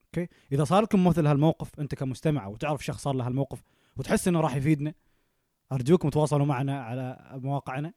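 Fast-talking man, animated podcaster. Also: on the high side, no echo, clean studio sound. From Oman. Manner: animated, rapid, checks in with "okay?" often. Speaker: podcast co-host. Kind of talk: casual podcast chat.

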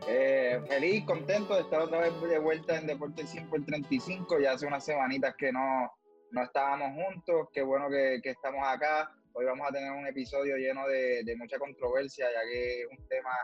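A man's voice: mid-range voice, steady tone, brisk, faint music behind. Puerto Rican man on dull lo-fi audio. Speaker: podcast co-host. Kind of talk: casual sports chat. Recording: dull lo-fi, radio-like sound.

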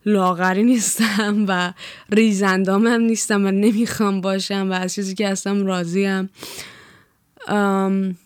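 Blunt, ranting young woman with smooth voice. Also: medium pitch, no room sound, clean studio sound. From Iran. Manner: blunt and profane, animated ranting with laughs. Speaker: vlogger. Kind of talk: casual chat.

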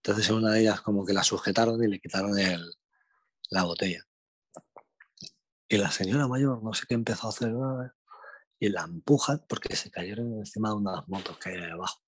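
Husky young Spanish man telling a story. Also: fairly low pitch, brisk, no room sound. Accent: Spain Spanish. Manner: animated anecdote, slangy, chuckling. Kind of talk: casual chat.

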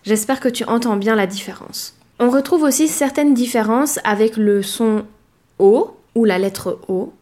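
A woman teaching a language lesson, speaking clearly and measuredly, and slowing down to model words. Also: on the high side, a little mellow. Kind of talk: explaining a lesson.

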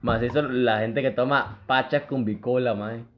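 A young man with a Costa Rican accent co-hosts in casual slang. He throws in short, quick interjections at a middle pitch. The sound is muffled and lo-fi. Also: fairly even intonation. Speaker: podcast co-host. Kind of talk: casual chat. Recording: muffled lo-fi audio.

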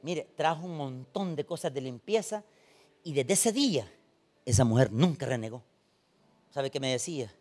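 A man preaching a sermon, telling stories and acting out the people in them, swinging from soft asides to loud points. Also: mid-range voice, moderate pace, pauses often. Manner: animated storytelling, acting out quoted voices, swings from soft to loud. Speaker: pastor.

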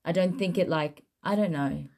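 A woman's voice: on the low side, moderate pace, darkish tone. A woman co-hosting a casual, joking chat. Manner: informal, joking. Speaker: podcast co-host.

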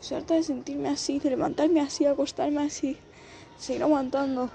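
A woman from Spain with a Spanish accent, speaking a halting, confessional monologue on the edge of tears, repeating and restarting her phrases. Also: high voice, fairly even intonation, vocal fry, warm tone. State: close to tears. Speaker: vlogger. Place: outdoors, people passing by.

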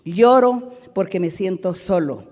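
A woman teaching a Bible study in sermon style, preaching slowly and emphatically, drawing out key words. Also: on the low side, lively intonation, dark tone. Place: large church auditorium. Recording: long reverb of a large hall.

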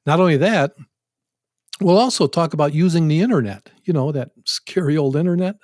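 A man in his seventies introduces his podcast in a folksy, joking manner. His voice sits a little high for a man. The sound is dry and close, with no room around it. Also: fairly quick, a little mellow, no echo. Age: 70s. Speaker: podcast host. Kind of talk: casual podcast introduction with jokes.

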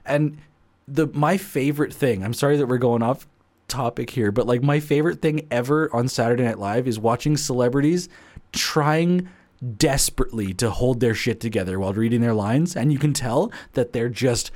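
Excitable young man swearing in chat. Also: mid-range voice, moderate pace. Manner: excitable, swears, restarts often. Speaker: podcast co-host. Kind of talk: casual chat.

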